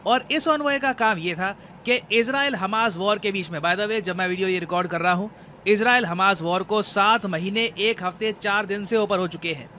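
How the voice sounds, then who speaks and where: Bright high-voiced man explaining news. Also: moderate pace, slight background noise. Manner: Hindi-English code-mixing, conversational explaining. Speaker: current affairs educator. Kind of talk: explainer video lecture.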